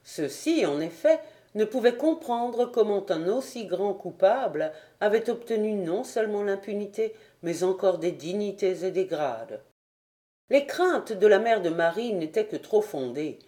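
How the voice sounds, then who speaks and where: A woman narrates a historical novel in a steady, measured voice. Her tone is mellow and soft-edged, at an average pitch for a woman. It is plain audiobook reading. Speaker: audiobook reader.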